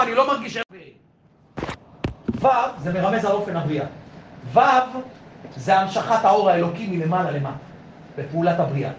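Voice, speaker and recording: Rabbi, male, high voice, emphatic preaching, roomy echo, faint hiss. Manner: emphatic, repeats phrases, acts out dialogue in soft voice. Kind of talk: sermon. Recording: echoey room with faint noise.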